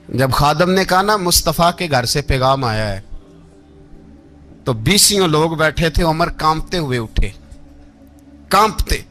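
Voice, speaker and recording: A man preaching a religious sermon in a Pakistani Urdu accent, telling a story dramatically and acting out its speakers, rising to shouted rebukes. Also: on the high side.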